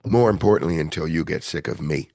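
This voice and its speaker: A man hosting a podcast in casual chat, rambling and self-deprecating, with a gravelly voice. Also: rumbling low, fast talker, a little mellow, no echo, studio quality. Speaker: podcast host.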